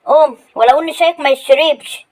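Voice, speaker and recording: A woman playing a shrill, bossy Egyptian mother-in-law. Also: quick pace, darkish tone, natural voice. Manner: complaining, bossy scolding. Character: nagging, demanding older mother-in-law. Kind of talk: comedy sketch acting.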